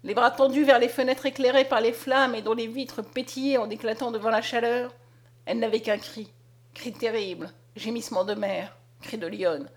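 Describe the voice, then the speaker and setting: A woman narrating a story aloud in a dramatic, expressive reading. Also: on the high side, moderate pace. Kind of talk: scripted audiobook narration.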